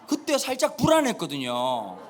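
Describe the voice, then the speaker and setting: A man's voice: a little high, moderate pace, background noise. A man in his thirties preaching a humorous sermon in a church, telling stories and acting out the dialogue. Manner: animated storytelling, acts out dialogue. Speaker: pastor. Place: church sanctuary.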